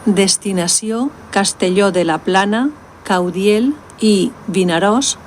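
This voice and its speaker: Woman announcer on a station PA, slow and formal. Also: mid-range voice, heavy background noise. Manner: measured, formal, deliberate. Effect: over a station PA system.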